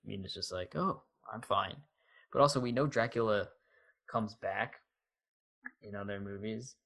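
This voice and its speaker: Young man, podcast co-host, low and relaxed, fades at sentence ends. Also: normal speed, gravelly. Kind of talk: casual chat. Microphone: audio-only podcast mic.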